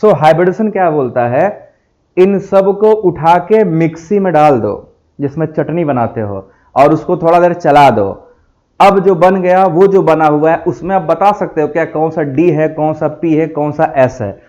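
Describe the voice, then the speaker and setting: A man teaching a chemistry lecture, explaining slowly and asking the students questions again and again. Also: a little high, warm tone, highs cut off. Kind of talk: classroom lecture.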